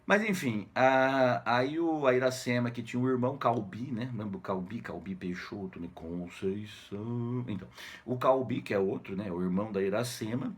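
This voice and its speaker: A man's voice: medium pitch, moderate pace, breathy edge. Brief: Brazilian male teacher, middle-aged, jokey and slangy, tags every phrase with "né?". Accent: Brazilian Portuguese. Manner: jokey, slangy, constant "né?" tags, acts out characters' lines. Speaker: literature teacher. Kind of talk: casual retelling of a novel for students.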